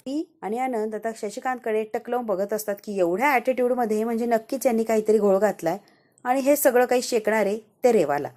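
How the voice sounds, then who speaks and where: A woman's voice: a little high, brisk, warm tone. A woman narrating a conversational recap of a television episode as a voiceover, often asking the listener questions. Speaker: serial episode reviewer. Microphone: voiceover microphone.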